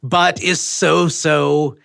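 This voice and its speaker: Earnest podcast co-host, bright voice. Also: male voice, a little high, steady tone, very slow, creaky, a little hiss or hum. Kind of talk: casual chat.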